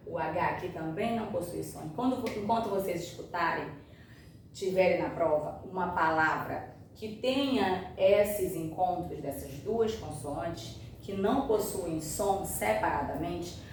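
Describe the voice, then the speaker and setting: Slow-spoken woman teacher in an echoey room. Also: medium pitch. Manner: slow, patient, checks understanding often. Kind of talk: classroom grammar lesson. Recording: echoey room, far from mic, faint noise.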